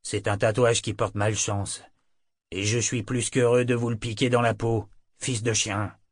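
A man's voice: on the low side, little pitch movement, moderate pace, no room sound, clean studio sound, natural voice. A man voicing an irritable, bitter small male tattoo artist who speaks harshly. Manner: furious and harsh. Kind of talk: audiobook character voice.

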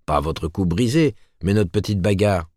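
A man's voice: sits low, animated, normal speed, a little mellow, dry recording, studio quality. A man reading aloud and voicing a jovial editor who was once a boxing champion, speaking in a hearty, good-humoured way.

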